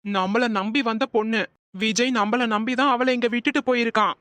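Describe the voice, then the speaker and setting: A woman voicing a kind middle-aged man in a cartoon, speaking with gentle concern and mild scolding. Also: fairly high pitch, steady tone, normal speed, no echo, close to an everyday voice. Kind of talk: cartoon voice acting.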